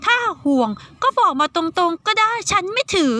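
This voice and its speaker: This is a woman giving voice to a spirited teenage schoolgirl who orders her friends around. Her voice sits high and swings lively, with a bright, sharp edge. It is read close and dry, with no room sound. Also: dry recording, exaggerated voice. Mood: bossy teasing. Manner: bossy, bright, quick to give orders. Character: spirited teenage girl, bossy yet caring twin.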